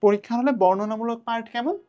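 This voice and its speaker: Young male tutor; quick, repetitive, student-facing revision lesson. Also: very high voice, a little mellow, clear, resonant tone, lo-fi sound. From Bangladesh. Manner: chatty, addresses students directly, repeats points. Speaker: exam tutor.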